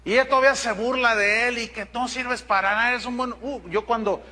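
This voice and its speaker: A man's voice: extremely high pitch, fairly even intonation, brisk, pushed and bright. A man with a Mexican accent, a pastor preaching a sermon to his congregation, telling a story bluntly with asides to the listeners. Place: church congregation.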